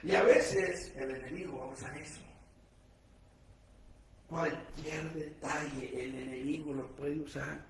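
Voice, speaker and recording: A high-voiced pastor preaching a sermon in a church, swinging from shouted lines to hushed, low speech and back. The recording is heavily echoey, with a distant mic and a faint hiss behind him. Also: male voice, steady tone, unhurried, creaky, pauses often. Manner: preaching with everyday jokes and direct questions to the congregation. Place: church sanctuary.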